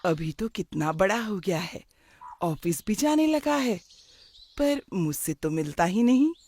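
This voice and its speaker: A performer voicing a talkative middle-aged aunt in an animated moral story, affectionate and nostalgic. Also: mid-range voice, a little slow. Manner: chatty, affectionate, scolding.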